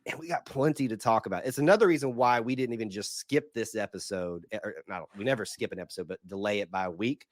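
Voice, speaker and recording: A man with a hoarse, congested voice hosts a casual podcast. His voice sits fairly low and he talks in an energetic, rambling way. The recording is dry and close. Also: fast talker, few pauses, no room sound. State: hoarse from a cold. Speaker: podcast host.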